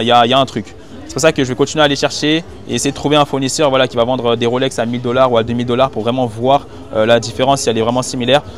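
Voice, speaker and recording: Shopping through busy market stalls, a medium-pitched vlogger reviews the goods and speaks to his viewers in casual, slangy French, thinking aloud. A hidden mic records him candidly on location. Background music can be heard.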